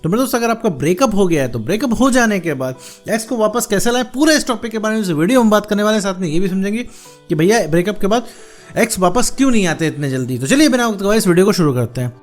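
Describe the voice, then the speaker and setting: A man talks fast in a high voice, coaching the listener through a breakup. He is earnest and coaxing and keeps calling them his friend, with faint music playing behind him. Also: lively intonation. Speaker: relationship advice youtuber. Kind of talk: direct-to-camera advice talk.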